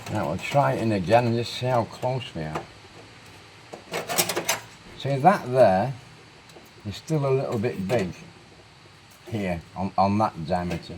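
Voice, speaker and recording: A man's voice: fairly low pitch, animated, unhurried, long pauses, background noise. A man giving an informal hands-on workshop tutorial, explaining each step and thinking aloud as he works. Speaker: car restoration demonstrator.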